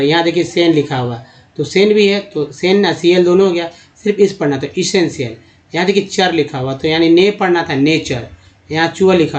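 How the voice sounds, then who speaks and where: A man teaching how to read English, spelling out words letter by letter and pausing with fillers as he explains. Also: a little high, highs cut off. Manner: addresses viewers as friends, spells words letter by letter, halting with fillers. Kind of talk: explanatory lesson.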